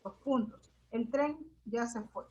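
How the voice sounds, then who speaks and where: A woman reading a class presentation on punctuation, slowly and carefully going through examples. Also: on the high side, dark tone, slight background noise. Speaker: student presenter. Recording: dull lo-fi audio.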